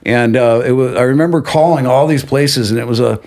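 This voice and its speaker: A middle-aged man, a guest on an interview podcast, telling a personal story in a casual, animated way and acting out what others said. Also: mid-range voice, a little fast. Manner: animated, acts out quotes of others.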